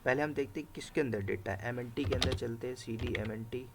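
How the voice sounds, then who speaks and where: Gravelly-voiced man teaching a tech class. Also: medium pitch, fast talker, heavy background noise. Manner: explains step by step, tags lines with "right?" and "okay". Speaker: instructor. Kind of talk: live screen-share coding class.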